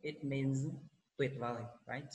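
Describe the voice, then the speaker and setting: A man teaching, a high school English teacher with a Vietnamese accent, going through exam questions and reading out the English answer words slowly before explaining them in Vietnamese. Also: fairly even intonation, low-quality recording. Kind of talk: exam walkthrough lesson.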